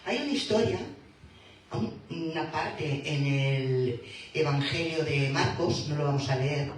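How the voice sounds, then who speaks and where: Slow woman preaching in an echoey hall. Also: deep voice, recorded from a distance, a little hiss or hum. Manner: slow, emphatic preaching that rises to fervent calls. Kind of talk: sermon. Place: church hall.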